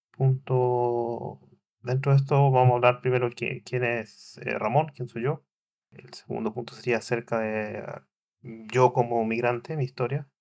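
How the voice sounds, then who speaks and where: A man's voice: mid-range voice, gravelly. Male podcast host, 40s; unscripted, hesitant delivery with frequent restarts. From Chile. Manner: hesitant, many fillers and restarts. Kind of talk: solo podcast monologue.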